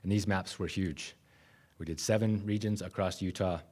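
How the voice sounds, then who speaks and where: A man, giving a conference keynote from a podium microphone in a conference room, measured and with frequent restarts. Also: deep voice, fairly even intonation, darkish tone. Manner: measured, self-correcting restarts. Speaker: keynote speaker.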